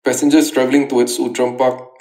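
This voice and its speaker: Guy doing a tannoy announcement, formal and measured, echoey loudspeaker sound. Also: mid-range voice, little pitch movement. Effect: played over a station loudspeaker. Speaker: station announcer. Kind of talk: public address announcement. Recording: echoey public address sound.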